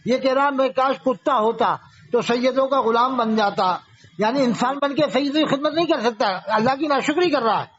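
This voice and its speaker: High-voiced man, argumentative. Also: a bit bright, slight background noise. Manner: argumentative, fires off rhetorical questions. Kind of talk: polemical religious talk. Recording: dull lo-fi audio.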